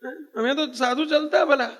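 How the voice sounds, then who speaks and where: A man's voice: extremely high pitch, steady tone, normal speed, voice pushed up. A man voicing a humble wandering monk who politely coaxes a visitor to sit and listen. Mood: coaxing. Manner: meek, coaxing, polite. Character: humble, gentle group of wandering male monks. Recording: long hall reverb.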